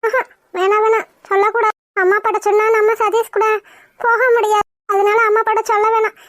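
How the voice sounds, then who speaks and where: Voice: flat delivery, a little fast, fairly bright tone, no echo, studio quality. A performer voicing a young woman in a cartoon who is torn and tearful about leaving her parents. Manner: high-pitched, weepy pleading. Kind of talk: cartoon voice acting.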